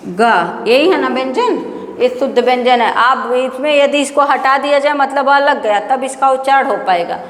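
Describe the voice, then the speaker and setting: A high-pitched woman lectures on grammar for exam students, posing questions to the class and answering them herself. She stretches out example sounds in a slow chant. Her voice rings in a roomy space with a long, lingering reverb. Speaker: Sanskrit grammar teacher. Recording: echoey room with long reverb.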